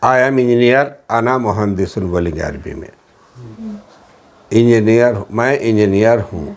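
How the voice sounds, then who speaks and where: A man with a Hyderabadi Urdu accent teaching a classroom lesson, repeating each word and its meaning in a steady drill with English words mixed in. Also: on the low side. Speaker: Arabic teacher.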